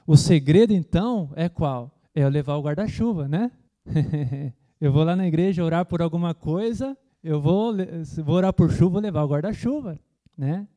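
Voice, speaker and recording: A man with a notably high voice preaches a sermon, asking his listeners rhetorical questions again and again and pausing for their amens. At times he mimics loud, shouted prayers before dropping back to a plain teaching tone. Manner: preaching with frequent rhetorical questions and calls of amen; acts out loud shouting prayers as a mock imitation. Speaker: pastor.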